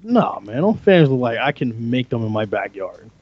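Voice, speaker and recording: A man's voice: medium pitch, very animated, normal speed, muffled recording. A man co-hosting a casual podcast chat, joking and teasing. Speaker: podcast co-host.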